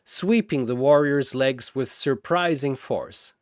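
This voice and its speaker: A man with a mid-range voice speaks slowly, delivering theatrical, scripted narration of a fantasy battle story. It reads as dramatic fan-fiction, recorded in studio quality with no echo.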